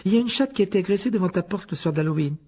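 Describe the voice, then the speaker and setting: A man with a raspy voice reading a storybook, raising his pitch well up to voice an earnest, bookish young schoolgirl who speaks carefully and insistently. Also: lively intonation, very fast, mellow. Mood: soothing.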